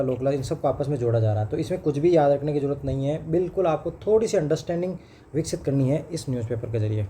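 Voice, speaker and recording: A man gives an exam-prep current affairs lesson. His voice is somewhat high and very dark and mellow. He talks conversationally, and faint background noise sits under the recording. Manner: conversational, gives memory tricks and asks questions to the viewer. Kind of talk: explaining newspaper current affairs.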